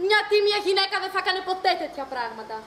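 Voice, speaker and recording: A woman's voice: very high-pitched, sing-song, fairly bright tone, a little hiss or hum, exaggerated voice. A woman on stage playing a bitter, jealous young sister who speaks sternly and reproachfully, recorded live and echoey. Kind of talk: amateur stage acting.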